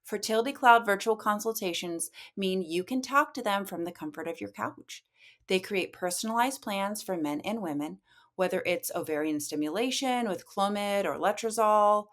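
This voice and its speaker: A woman's voice: medium pitch, a bit bright. A woman reading an upbeat sponsor advertisement. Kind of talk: read advertisement.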